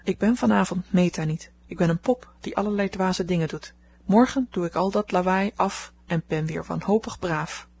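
Young woman at a ball, rueful and a little husky, read by a woman narrator. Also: on the low side, moderate pace, a little mellow, full character voice.

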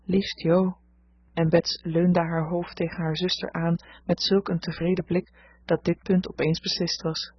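A woman narrating a storybook in a steady, even reading voice, recorded close and dry. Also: fairly low pitch, moderate pace, husky, no echo. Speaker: audiobook reader. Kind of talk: scripted narration. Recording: dull lo-fi recording.

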